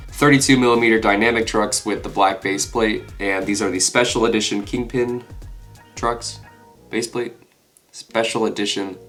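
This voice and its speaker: A congested man in his twenties, voice somewhat low yet a bit bright, chats casually to camera like a video creator showing off a collection. Guitar music plays behind him in a small furnished room indoors.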